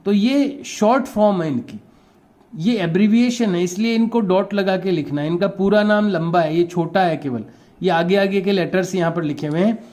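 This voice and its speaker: Man, teacher, Rajasthani Hindi accent, classroom lesson, dark mellow tone, spells words letter by letter. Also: high voice, normal speed. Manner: explains patiently and repeats terms. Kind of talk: classroom lesson for young pupils.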